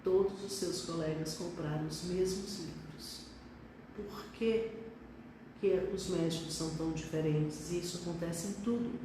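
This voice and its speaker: Low and unhurried, her voice comes through against a noisy background. This middle-aged pediatric neurologist from Brazil speaks reflectively, hesitating now and then, on a live stream captured by a far-off phone in an echoey room.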